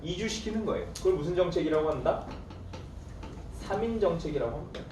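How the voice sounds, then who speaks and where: A man's voice: a little high, lively intonation, fairly quick. A man teaching history to a class, putting questions to the students and answering them himself in a playful, teasing way. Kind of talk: classroom lecture. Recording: roomy classroom from far off, faint noise.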